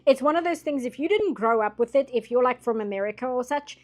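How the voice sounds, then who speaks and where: This is a streamer drawing live: a talkative British woman who drifts between topics and laughs often, her slightly high voice getting a bit hoarse late at night. She speaks fast with lively intonation, and soft music plays behind her.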